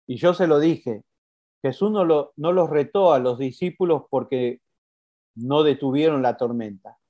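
A preacher, giving an animated sermon full of repetition and rhetorical questions. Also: medium pitch, measured pace, lo-fi sound.

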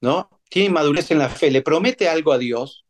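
Man, preacher, sermon, repetitive and emphatic, rhetorical questions, voice on the high side. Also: normal speed.

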